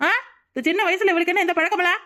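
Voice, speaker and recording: A defiant, quarrelsome cartoon aunt, acted by a woman, firing off retorts fast in a very high, bright voice. She argues without letting up. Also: steady tone. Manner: argumentative, shrill scolding. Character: quarrelsome defiant young aunt in a joint family.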